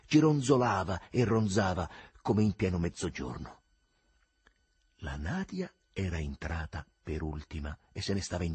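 A man narrating a novel aloud in an expressive audiobook reading. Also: lowish voice, husky, no room sound.

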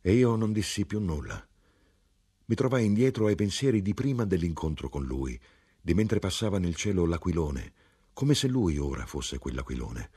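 A man narrating a literary story in a measured, expressive reading voice. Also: low-pitched, slightly rough.

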